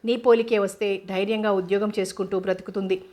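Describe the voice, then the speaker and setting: Woman reading as a hurt, proud young wife in an audiobook novel, steady flat voice, mid pitch. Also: fast, close to an everyday voice. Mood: despairing.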